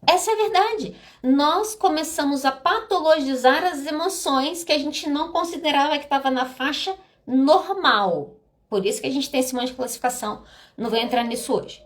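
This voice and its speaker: A woman's voice: high voice, normal speed. A Brazilian woman psychologist hosting a podcast, talking casually and expressively, often acting out little dialogues. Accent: Brazilian Portuguese. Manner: expressive, rhetorical, acts out dialogue. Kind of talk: casual talk podcast monologue.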